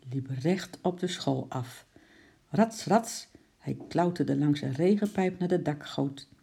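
Storybook narrator, dark husky tone with gravel, calm read-aloud pacing. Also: mid-range voice. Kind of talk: reading a children's story aloud.

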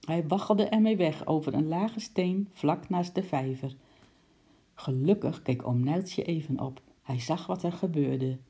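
A storyteller reading a children's book aloud in a lively voice, acting out the characters. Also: medium pitch, measured pace, husky.

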